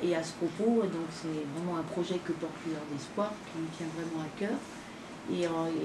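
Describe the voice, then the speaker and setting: A middle-aged woman representing an association gives an informal spoken presentation at a partnership signing, her voice slightly low. She stands in a small indoor meeting room with a group behind her. The distant microphone picks her up off-mic in an echoey, noisy space.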